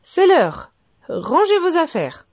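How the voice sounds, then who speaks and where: Woman doing a shrill jumpy teacher, yelling orders way up high. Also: lively intonation, normal speed. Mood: shrill panic. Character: shrill nervous woman schoolteacher.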